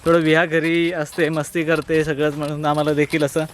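Chatty konkan guy vlogging outdoors, high voice, talks sing-song to his kid. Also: level tone, fairly quick, a little hiss or hum. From Konkan, Maharashtra. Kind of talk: casual walking vlog.

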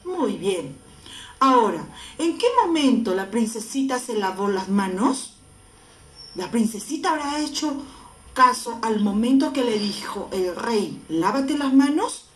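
A woman's voice: a little high, animated, measured pace, roomy sound, a little hiss or hum. A woman primary school teacher with a Peruvian Spanish accent, teaching young children patiently and drawing out sounds for them to repeat. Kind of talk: recorded lesson for young children.

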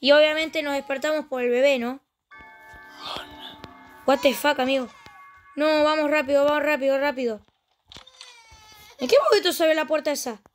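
A woman's voice: high voice, fairly even intonation, normal speed, pauses often, soft background music. A woman with a Rioplatense Spanish accent, chatting casually through a let's play and exclaiming often. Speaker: gaming channel host.

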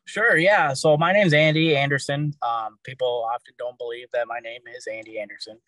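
A man's voice: mid-range voice, fairly even intonation, a little fast, a bit bright, no echo, rough recording. A man guesting on a casual show, easygoing and rambling, with many fillers. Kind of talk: casual interview chat.

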